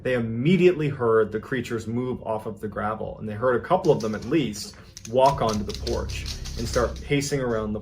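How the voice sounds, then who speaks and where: Male podcast storyteller, suspenseful and conversational, mid-range pitch, faint hiss under the voice. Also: a little mellow. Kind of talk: storytelling narration.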